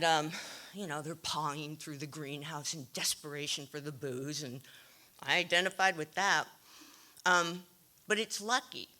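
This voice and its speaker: A woman telling her own recovery story to a meeting, wry and self-deprecating, with frequent pauses and ums. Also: low voice, pushed and bright. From California. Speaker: AA speaker sharing her story. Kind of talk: recovery share, candid storytelling.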